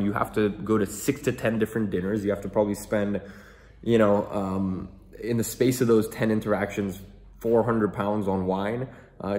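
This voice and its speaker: A young man talks loosely as the host of a student interview. His voice sits low, and he rambles through fillers and restarts. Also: darkish tone. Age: young adult. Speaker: host and coach of a marketing program. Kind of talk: casual talk, then interview.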